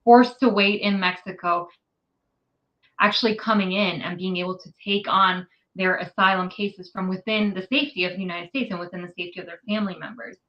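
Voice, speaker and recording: A woman's voice: fairly low pitch, steady tone, brisk, lo-fi sound. A woman from New York City, an immigrant rights advocate, giving articulate, detailed interview answers with frequent ums.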